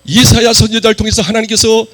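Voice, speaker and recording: A male pastor delivering a sermon in church, hoarse from a cold, rising to forceful shouted points and leading the congregation in reading aloud. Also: high-pitched, flat delivery, fast talker. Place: church sanctuary.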